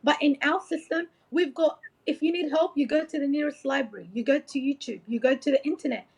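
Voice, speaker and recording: This Iraqi woman, cast as a motivational coach in an informal interview, has a high, gravelly voice with a darkish tone and a brisk pace. She is earnest and encouraging, rambling along with frequent "like" and "you know." The recording sounds dull and lo-fi.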